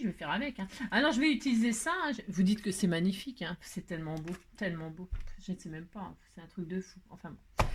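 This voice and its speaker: A woman hosting a casual card-making tutorial, chatting and joking as she works, with lots of "hein" asides and mock exasperation. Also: medium pitch. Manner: theatrical self-mocking exasperation. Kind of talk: casual crafting tutorial chat.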